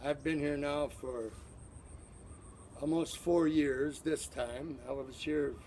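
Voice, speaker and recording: Slow-talking male English teacher. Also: on the high side, steady tone, a little mellow, a little hiss or hum. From from abroad, teaching in Thailand. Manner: slow, repetitive drilling of words; models pronunciation with exaggerated stresses. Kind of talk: classroom teaching.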